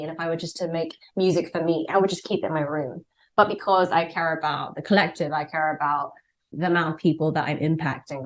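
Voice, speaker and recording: A woman who is a singer and songwriter, talking thoughtfully and earnestly as a podcast guest. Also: deep voice. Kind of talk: casual podcast interview.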